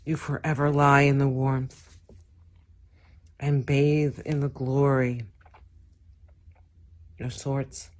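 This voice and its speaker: A woman reciting a comic verse monologue theatrically, with a dramatic delivery that moves between hushed and loud. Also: very deep voice, flat delivery, slow pace, long pauses. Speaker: performer.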